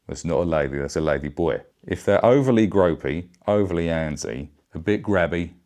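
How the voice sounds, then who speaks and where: A man's voice: low-pitched, animated, moderate pace, a little mellow. A middle-aged man delivering a brash, bawdy satirical comedy rant. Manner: brash, bawdy, blokey banter. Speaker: vlogger.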